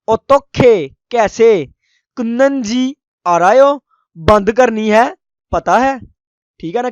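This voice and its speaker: A man with a high, smooth voice teaches a language lesson. He sounds out foreign words slowly and repeats them, and he keeps checking in with his listeners. The recording is dry and close. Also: no room sound. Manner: frequent checking-in tag phrases. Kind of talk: explaining a lesson.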